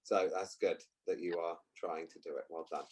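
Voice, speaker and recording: A man's voice: low voice, fairly even intonation, moderate pace, a little mellow, slightly rough. A man hosting a casual interview, talking in a teasing, jokey way. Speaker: host, agility coach.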